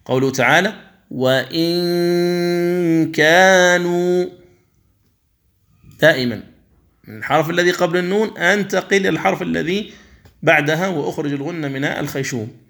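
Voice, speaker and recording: A man teaching Quran recitation. He explains each rule slowly and carefully, then stretches the examples out into chanted recitation, and sometimes contrasts a wrong reading with the right one. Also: fairly high pitch, vocal fry, fairly bright tone.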